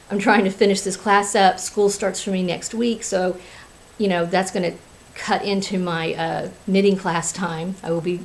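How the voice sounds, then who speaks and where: Woman, craft vlog host, chatty, candid, many fillers, middle pitch. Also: gravelly, a little hiss or hum, low-quality recording. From Florida. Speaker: teacher. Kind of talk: casual video chat.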